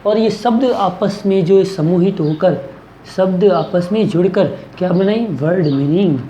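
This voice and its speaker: Coaching-class teacher, warm relaxed tone, question-and-answer drilling, echoey room. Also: mid-range voice, a little slow, a little hiss or hum. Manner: asks questions and answers them, repeating key words. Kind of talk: classroom grammar lesson.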